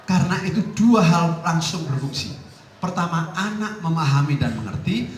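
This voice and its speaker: A middle-aged man, an Islamic teacher, giving a lively parenting talk to parents in a small prayer room. He swings between loud emphasis and soft asides. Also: a little high, moderate pace. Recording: echoey room with faint ambient noise.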